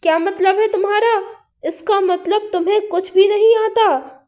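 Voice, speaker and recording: Scolding old village mother-in-law, woman doing the voice, high-pitched and slow, cartoon story. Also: steady tone, mellow. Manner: scolding, mocking.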